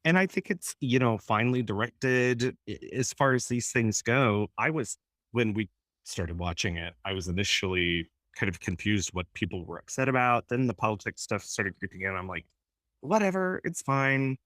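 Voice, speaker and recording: A man's voice: fairly low pitch, normal speed, fairly bright tone, no room sound, studio quality. A man co-hosting a film podcast, giving opinionated takes with wry asides. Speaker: film critic podcast host. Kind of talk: casual film discussion.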